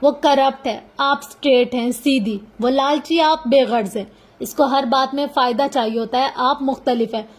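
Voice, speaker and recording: Woman reading as calm soft-spoken young officer. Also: high voice, moderate pace. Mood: gentle. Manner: gentle, persuasive.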